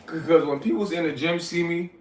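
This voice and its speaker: Reading chat on a casual livestream, a man from Liberia talks to "y'all" in a laid-back, slang-filled way. His voice is a little high, with fairly even intonation and normal speed, and the recording echoes in a roomy space.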